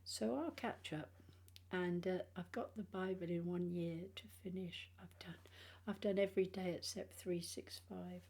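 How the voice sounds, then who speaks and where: Husky older British woman with missing teeth. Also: lowish voice, steady tone, warm tone. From England. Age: 60s or older. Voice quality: speech affected by missing front teeth. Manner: halting, rambling, trailing phrases. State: tired. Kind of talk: casual personal vlog chat.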